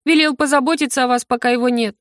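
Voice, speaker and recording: A woman's voice: high voice, fairly even intonation, quick pace, no echo, studio quality, voice pushed up, lightly acted. A woman voicing a timid, tearful teenage girl servant in an audiobook, talking in an anxious, pleading way. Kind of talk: audiobook character voice.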